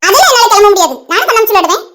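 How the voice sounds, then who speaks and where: A woman's voice: extremely high pitch, sing-song, racing, heavy background noise. A woman voicing a cheeky, stubborn old village grandmother in a cartoon, with a Tirunelveli Tamil accent. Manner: teasing, stubborn, chatty.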